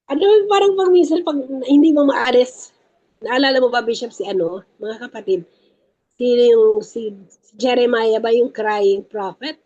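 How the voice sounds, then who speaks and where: A woman's voice: fairly high pitch, mellow, dull audio. A woman giving an emphatic faith talk to a prayer group, repeating her key points and speaking to the listeners as brothers and sisters. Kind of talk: Taglish faith teaching talk.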